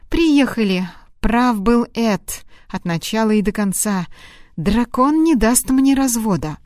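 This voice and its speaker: A woman narrating a first-person fantasy novel aloud, with expressive, dramatic reading of the dialogue. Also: fairly high pitch, dry recording, studio quality. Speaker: audiobook narrator.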